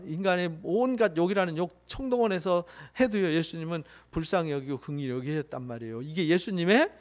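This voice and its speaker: A middle-aged man preaching a sermon as a pastor, emphatic and full of rhetorical questions, swinging between loud pleas and soft, quiet drops. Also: sits high.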